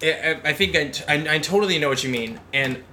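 A man's voice: on the high side, fast, bright, forceful tone, a little hiss or hum. A man from the American Midwest with a Midwestern accent, co-hosting a podcast in a playful, jokey casual chat and laughing often. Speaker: podcast co-host.

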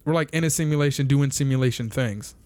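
A man's voice: medium pitch, fast, darkish tone, no echo. A young man hosting a casual podcast, rambling, laughing often and swearing loosely. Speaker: podcast host.

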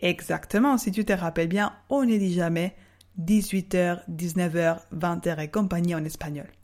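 A woman teaching Spanish on a podcast lesson, speaking slowly and drawing out model words for the listener to repeat. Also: lowish voice, darkish tone. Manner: slow, carefully spelled-out model words for repeating.

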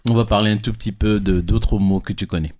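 A man's voice: lowish voice, steady tone, a little fast, crowd noise. A man teaching a casual lesson to children on a handheld microphone, explaining patiently and often checking that they follow. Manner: patient, checks understanding with frequent questions.

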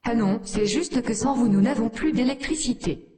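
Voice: mid-range voice, moderate pace, warm tone, roomy sound, close to an everyday voice. [name], someone voicing a scornful AI. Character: sardonic female AI, blunt and scornful of humans.

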